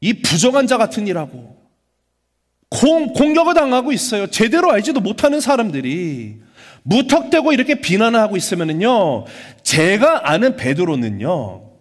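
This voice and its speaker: Man, pastor, sermon, asks the congregation questions, long echo of a church sanctuary. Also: high-pitched. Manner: dramatic, acts out biblical figures.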